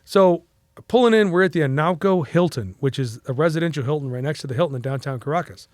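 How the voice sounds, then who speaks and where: A Mexican-American man in his forties from the United States tells a long, casual story as a podcast guest, rambling with fillers and restarts. His voice is a little high and darkish, his pace quick, and the recording is dry and studio quality.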